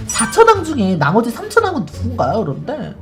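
A woman's voice: fairly high pitch, huge pitch swings, fairly quick. A woman hosting a live stream, chatting casually as she tells a story and acts out the people in it. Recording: music under the voice. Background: background music.

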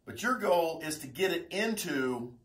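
Animated joking man lecturing in an echoey room. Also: on the high side, a little slow. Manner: joking, animated, teasing students. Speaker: engineering instructor. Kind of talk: whiteboard lecture. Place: classroom at a whiteboard. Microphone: camera mic from across the room. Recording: echoey classroom, mic from far off.

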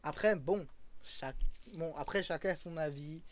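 A young man from France talks loosely on a live stream, drifting between thoughts with plenty of fillers and frequent laughter. He keeps greeting and answering his viewers as he goes. His voice sits a little higher than most men's. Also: moderate pace, a little hiss or hum. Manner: chatty, rambling, laughs often, greets and answers chat.

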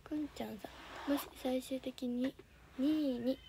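Soft-spoken teen girl with Kansai accent. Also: high-pitched, measured pace, vocal fry, a little hiss or hum. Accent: Kansai Japanese. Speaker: audition livestreamer. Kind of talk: casual livestream chat reading viewer comments. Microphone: phone camera.

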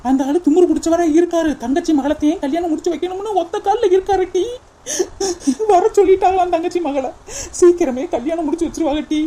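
A blunt older village woman in a cartoon, voiced by a woman. She talks high and mellow, scolding a younger girl with clipped warnings. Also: fast.

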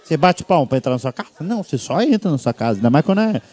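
A man doing stand-up comedy, telling a story in an animated way and acting out the voices of the people in it. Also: fairly high pitch, rapid-fire. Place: comedy venue with a laughing audience.

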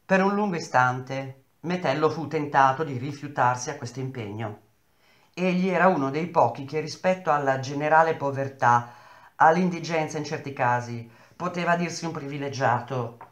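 A man reading a novel aloud in a measured, expressive storytelling manner. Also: a little high, roomy sound. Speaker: reader of a novel.

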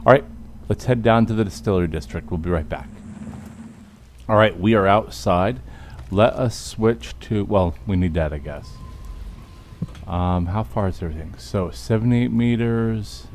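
Low-voiced man doing gameplay commentary. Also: moderate pace, pauses often, a little mellow. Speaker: video game streamer. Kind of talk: casual gameplay commentary, reading in-game texts aloud. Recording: clear background noise from game. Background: game ambience.

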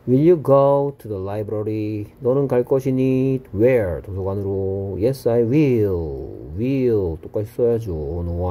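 Male English teacher with a lively, rising and falling pitch and an unhurried delivery, explains grammar step by step. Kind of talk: recorded exam-prep lesson.

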